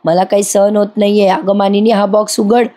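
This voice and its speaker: A scornful, scheming older woman from a TV serial, accusing and cutting, read by a woman narrator. The voice stays mellow and sits at a middle pitch. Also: little pitch movement, a little fast, close to an everyday voice.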